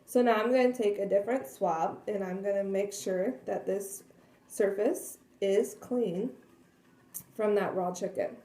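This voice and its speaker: A woman demonstrating cleaning cloths in a casual, earnest way, a little hoarse from losing her voice. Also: mid-range voice, a little slow, warm tone. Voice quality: frequent throat clearing and coughs. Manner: chatty, earnest, many fillers. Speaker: product demonstrator. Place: kitchen at home. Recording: echoey room.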